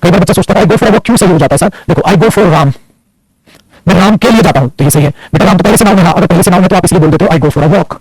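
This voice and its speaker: A man's voice: sits high, fast talker, darkish tone, husky, dry recording, soft background music, rough recording. A man teaching English grammar in Hindi, calling his students "beta" and asking and answering his own questions as he mixes in English example sentences. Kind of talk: online grammar lesson.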